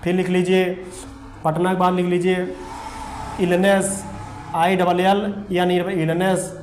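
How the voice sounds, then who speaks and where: A man's voice: high voice, monotone, takes it slowly, a little mellow. A male teacher gives a whiteboard grammar lesson, spelling words letter by letter and checking in with the class over and over. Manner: spells words letter by letter, repeats "देखिए" and "ठीक ना". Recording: echoey room with faint background noise.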